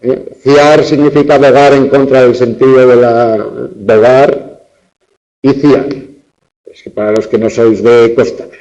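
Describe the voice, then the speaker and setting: A man's voice: medium pitch, steady tone, a little slow, warm tone, rough recording. A man teaching a university lecture on spelling and accent marks, stretching out example words syllable by syllable. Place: classroom, lecture streamed online.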